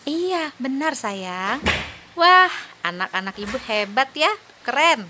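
In a high-pitched, sing-song full character voice, a woman portrays a cheerful young mother in a scripted children's play. The background is noisy as she slowly and patiently praises and encourages her two little daughters.

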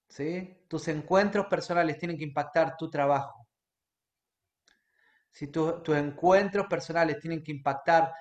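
A man preaching a sermon as a pastor, earnest and often checking in with his listeners. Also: a little high. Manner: earnest, checks in with the congregation by asking "right?" again and again. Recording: echoey room.

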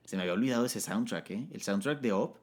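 A young man with a Mexican Spanish accent co-hosting a casual chat, reading listener comments in an upbeat way and laughing often. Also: fast talker. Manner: upbeat, laughs often, jumps pitch when excited.

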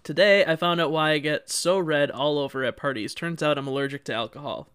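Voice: mid-range voice, a little fast, fairly bright tone, smooth. A podcast host chatting casually and joking crudely, with some swearing. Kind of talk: casual comedic podcast chat.

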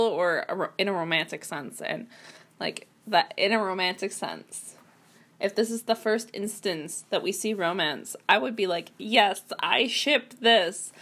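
A woman's voice: medium pitch, a bit bright. A young woman at home, chatting about writing tips with lots of fillers and restarts. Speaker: writer reviewing writing tips. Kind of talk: casual solo commentary. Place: at home at a computer.

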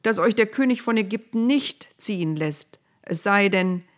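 A woman's voice: mid-range voice, animated, pitched above the performer's own voice, close to an everyday voice. A woman voicing a solemn, insistent God. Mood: firm. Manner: solemn, deliberate, repetitive proclamations. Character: God speaking from a fire, patient, solemn, insistent. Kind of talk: storybook reading.

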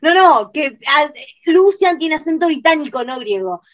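A young woman with a Rioplatense accent, co-hosting a film podcast and retelling scenes in a fast, exasperated way. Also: high-pitched, animated, no room sound, dull audio. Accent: Rioplatense Spanish. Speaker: podcast co-host. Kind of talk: casual film review chat.

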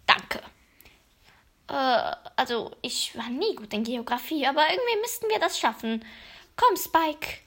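A woman voicing a brash male crow who stammers and talks in a hurry. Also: high voice. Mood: hasty. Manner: stammering, hurried, excitable. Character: brash, flustered male crow, bird-like trickster.

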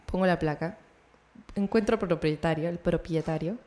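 Peruvian girl telling a wild story, super animated, does little voices, laughs a lot. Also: on the low side, moderate pace. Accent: Peruvian Spanish. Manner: animated, laughing, acts out voices in her anecdotes. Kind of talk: casual storytelling chat.

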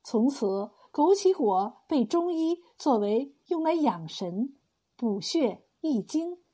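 A woman narrating a folk tale in a slow, even storytelling manner. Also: sits high.

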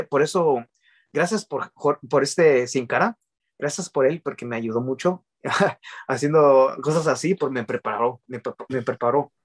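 A man's voice: medium pitch, breathy edge. A man, telling his story in a casual interview, often restarting and dropping English words into his speech.

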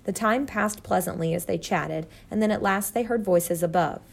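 A woman's voice: mid-range voice, moderate pace, gravelly. A woman narrating a children's storybook steadily. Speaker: audiobook narrator.

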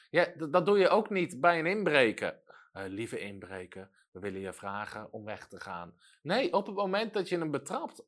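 A man preaching a sermon, swinging between forceful emphatic lines and quiet storytelling asides. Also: a little high.

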